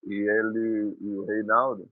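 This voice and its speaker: A man's voice: on the low side, little pitch movement, a little slow, no echo. Guy in his 50s rambling thru old memories, dry tinny phone sound. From Maranhão, Brazil. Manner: rambling, reminiscing, with restarts. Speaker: guest musician. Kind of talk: conversational storytelling.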